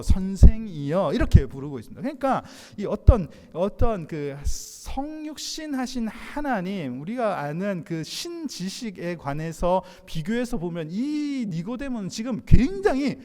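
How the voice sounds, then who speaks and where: Man, pastor: chatty sermon with fillers, warm gravelly tone, long church reverb. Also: fairly high pitch. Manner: conversational preaching with fillers and laughs. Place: church sanctuary.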